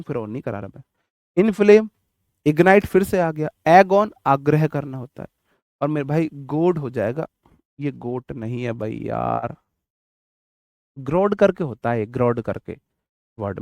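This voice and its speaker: A man's voice: mid-range voice, normal speed, vocal fry, dry recording, clean studio sound. A man teaching vocabulary for exam prep in a casual, jokey way, mixing in memory tricks and stories from his childhood. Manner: chatty, jokey, tells childhood anecdotes.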